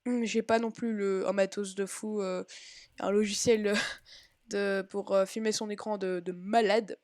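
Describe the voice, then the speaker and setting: A woman talking casually through a game tutorial on her own microphone, halting and correcting herself as she explains. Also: mid-range voice, flat delivery, darkish tone, dry recording, clean studio sound. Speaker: Minecraft tutorial maker. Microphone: own home microphone.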